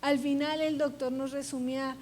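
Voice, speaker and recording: A woman's voice: sits high, level tone, moderate pace, a little mellow. A woman pastor preaching a sermon in a church, speaking earnestly and putting questions straight to her congregation. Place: church sanctuary. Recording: long church-hall reverb.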